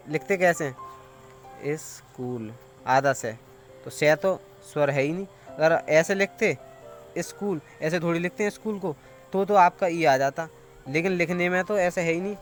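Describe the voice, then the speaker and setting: Male tutor, fairly high voice, patient step-by-step explaining, faint music under. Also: fairly bright tone. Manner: explanatory, asks questions, then answers them. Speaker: English teacher. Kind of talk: classroom-style explanation to students.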